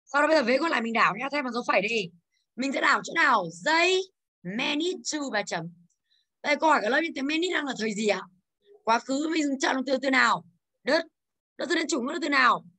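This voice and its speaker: Lady teacher in a classroom, high bright voice, keeps firing questions at the class. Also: animated, fast. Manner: drilling, asks the class questions. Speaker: English teacher.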